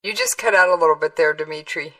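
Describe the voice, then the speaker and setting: A woman's voice: sits low, little pitch movement, a little fast, fairly bright tone, recorded from a distance, rough recording. A woman interviewing someone in a casual, conversational way.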